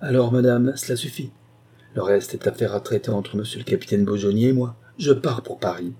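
Agitated aristocratic marquis, abrupt and emphatic; a male reader plays him, husky tone. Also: mid-range voice, brisk, warm tone, natural voice. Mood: decisive. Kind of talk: audiobook character reading.

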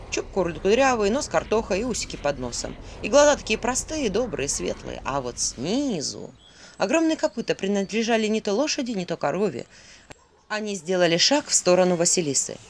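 A woman narrating a spoken folk tale with an expressive, vivid storyteller manner. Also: mid-range voice, a little hiss or hum. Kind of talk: dramatic story reading.

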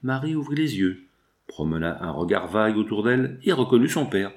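A man narrating a classic novel as an audiobook, with dramatic, expressive delivery. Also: lowish voice, fairly quick.

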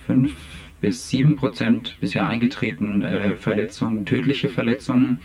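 A man playing an anonymous police union insider who speaks in a disguised deep voice, halting and full of hesitant fillers. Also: gravelly, crowd noise. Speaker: police union member interviewed on radio. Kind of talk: satirical radio interview sketch.

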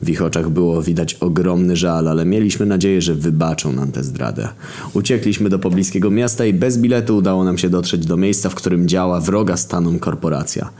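A man's voice: low-pitched, a little fast, mellow. A man narrating a crude, mocking comic story, jumping into voices for the characters.

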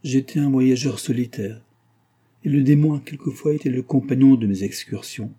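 A man voicing a proud, brooding gentleman traveller in his forties, read in an audiobook with a grave, husky, tormented delivery. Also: mid-range voice, normal speed, pitched above the performer's own voice. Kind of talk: audiobook reading of a novel.

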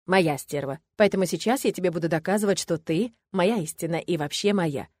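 A woman's voice: on the low side, brisk, a little mellow, no echo, natural voice. A woman voicing a confident, teasing male demon in a romance audiobook. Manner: teasing, sly.

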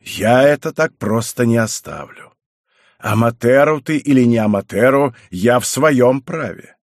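A man voicing a stern, angry old clan head in an audiobook, speaking slowly and in clipped, pressing phrases. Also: medium pitch, animated, no echo, clean studio sound. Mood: threatening.

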